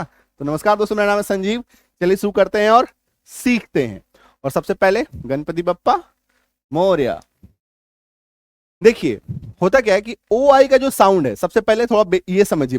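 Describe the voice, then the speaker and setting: A man's voice: sits high, dry recording, clean studio sound. A man teaching an English spelling lesson, often repeating points and checking if the class understands.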